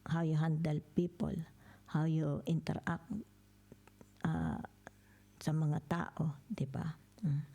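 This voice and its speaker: An older woman giving a slow tarot reading, soft-spoken, who keeps checking in with the listener and often drops to a whisper. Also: sits low, steady tone. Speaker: tarot reader. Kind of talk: slow tarot reading, mixing Tagalog and English.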